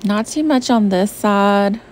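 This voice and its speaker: A Southern US shopping vlogger in her young adult years narrates slowly in a mid-range voice, with slight background noise. She's casual and bubbly, leaning on "um" and "like" a lot. Her voice-over was made away from the pictured store and has faint background music.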